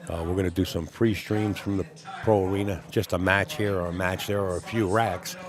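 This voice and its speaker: A man's voice: low-pitched, steady tone, brisk, crowd noise. A man hosting a live tournament stream with casual, chatty, folksy commentary.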